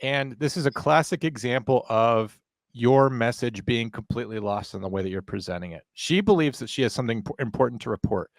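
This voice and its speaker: A man's voice: medium pitch, brisk, no echo. A man hosting a casual commentary show, explaining things in a sardonic way.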